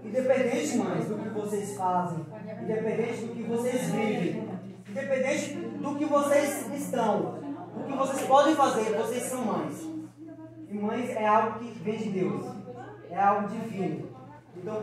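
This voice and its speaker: A man's voice: very high-pitched, moderate pace. A man giving an informal motivational talk to mothers at a school. He speaks in a chatty way and acts out little family dialogues. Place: large school hall with an audience. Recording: very echoey hall, mic far off, crowd.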